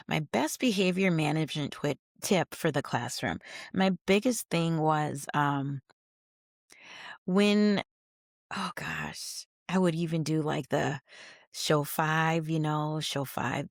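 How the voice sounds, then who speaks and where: A woman's voice: low voice, no echo, studio quality. A middle-aged woman, an educator, chatting casually as an interview guest, telling stories with fillers and laughs. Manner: animated storytelling with laughs and fillers.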